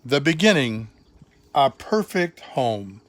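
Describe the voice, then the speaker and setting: An elderly grandfather gives an expressive reading of a children's Bible storybook in a medium-pitched voice, using deliberate phrasing and emphatic pauses. The recording is dry.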